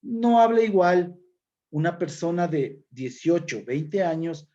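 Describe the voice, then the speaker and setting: A man's voice: fairly high pitch, lively intonation, slow, dark tone. A man giving a classroom lecture, explaining step by step and often checking in with his listeners. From Ecuador. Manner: explanatory, frequent checking questions. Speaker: teacher. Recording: dull lo-fi recording.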